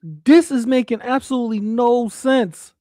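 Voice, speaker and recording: A woman's voice: fairly high pitch, measured pace, warm tone, dry recording, clean studio sound. A woman giving casual livestream commentary, blunt, incredulous and emphatic, with plenty of swearing.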